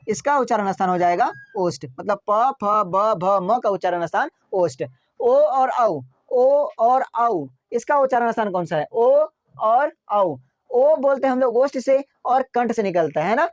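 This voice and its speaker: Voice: medium pitch, dry recording. A teacher giving a grammar lesson, asking questions and answering them, drilling each point by repetition. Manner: slow, deliberate and emphatic. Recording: dull lo-fi dry recording.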